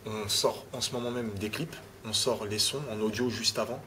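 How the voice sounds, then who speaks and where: A man's voice: on the low side, steady tone, moderate pace, sharp tone, slight background noise. A man, a rapper being interviewed, talking casually and often restarting his phrases with "tu vois". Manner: repeats words, restarts phrases, adds "tu vois".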